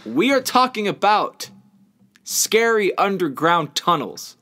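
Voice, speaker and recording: A man's voice: high voice, big pitch swings, slow, pushed and bright. A young man co-hosting a casual podcast chat, bantering and teasing playfully. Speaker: podcast co-host.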